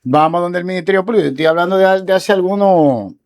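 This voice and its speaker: This fast-talking man, whose voice sits high, is a guest lawyer on a talk show who spins a case anecdote with casual animation, voicing the quoted exchanges as he goes.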